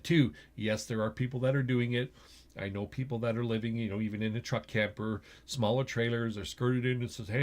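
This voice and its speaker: A middle-aged man with a Western Canadian accent, talking casually and with opinions in an explanatory vlog, checking in with the listener as he goes, recorded indoors in a small space. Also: mid-range voice. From Edmonton, Alberta, Canada. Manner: conversational, opinionated, often asks "okay?" and "right?". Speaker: vlogger, RV store general manager.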